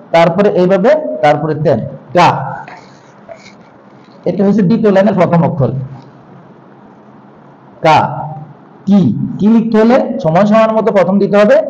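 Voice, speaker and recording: High-voiced man teaching, dull recording. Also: darkish tone. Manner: explains step by step, repeats syllables aloud slowly. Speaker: language teacher. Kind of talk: classroom lesson on writing. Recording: dull lo-fi sound.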